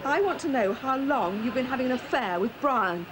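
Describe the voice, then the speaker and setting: A woman's voice: high-pitched, animated, normal speed. An actress playing a jealous wife who confronts her husband with biting sarcasm, heard in a noisy archive radio drama clip. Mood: accusing.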